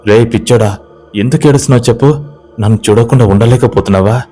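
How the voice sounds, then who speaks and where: A man's voice: mid-range voice, fast, mellow, faint music behind, natural voice. A man voicing a playful young village woman in a spoken ghost story. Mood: coaxing. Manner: playful, scolding and coaxing.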